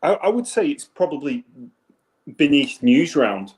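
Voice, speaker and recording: A man's voice: a little high, sing-song, unhurried. A man who works as a teacher, giving blunt, matter-of-fact opinions in a casual podcast chat.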